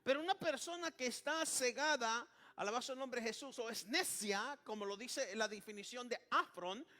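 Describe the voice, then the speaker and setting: A man's voice: extremely high pitch, moderate pace, bright, forceful tone. A man preaching a sermon in Spanish, who keeps calling out to the congregation and praising Jesus, with many restarts. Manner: repeats "hermano" and "alabado sea el nombre de Jesús", with many restarts.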